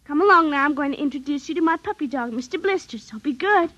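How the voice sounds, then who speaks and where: A woman's voice: sits high, expressive, quick pace, a bit bright, dry recording, lo-fi sound. Pleading little girl. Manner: pleading, whiny.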